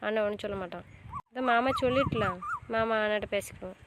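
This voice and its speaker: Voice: mid-range voice, fast, natural voice. An actor playing a younger family member who pleads for a sister-in-law and turns defiant when pressed. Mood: pleading. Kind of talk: village family drama acting. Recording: loud outdoor rural noise.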